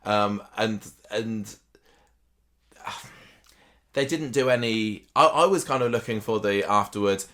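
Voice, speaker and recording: A man's voice: lowish voice, fairly bright tone. A man co-hosting a podcast, chatting casually about a soap episode with frequent restarts and fillers. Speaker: podcast co-host. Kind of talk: casual chat.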